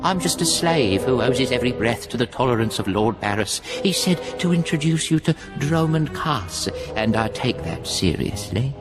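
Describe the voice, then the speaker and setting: A man's voice: medium pitch, expressive, normal speed, few pauses, over music, lightly acted. A man voicing a cringing, fawning male slave who bows and simpers to please his master. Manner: servile, simpering, eager to please.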